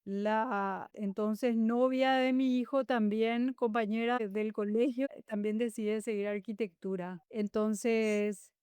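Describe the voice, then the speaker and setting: Woman, smooth and clear. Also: a little high, steady tone, slow, hardly any pauses, no echo. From Paraguay. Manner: warm, reflective, frequent hesitations. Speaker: guest architect. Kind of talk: conversational interview answers.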